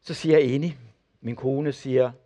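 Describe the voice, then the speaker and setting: An older man preaching, telling testimony stories and acting out the people in them. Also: mid-range voice. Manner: animated storyteller acting out the people in his stories. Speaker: preacher and former missionary. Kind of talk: sermon testimony.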